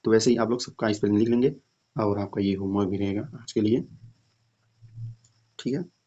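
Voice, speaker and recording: A man teaching a language lesson, explaining step by step and often checking in with "ठीक है" while drilling words slowly. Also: on the low side, warm tone, highs cut off. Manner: repeats "ठीक है" often, slow drilled repetitions.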